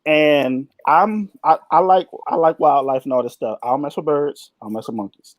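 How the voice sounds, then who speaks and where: A man's voice: a little high, moderate pace, dry recording. A man in his late twenties, co-hosting a casual chat show, telling stories with a playful, teasing manner. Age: 20s. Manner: animated storyteller, playful teasing. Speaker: co-host.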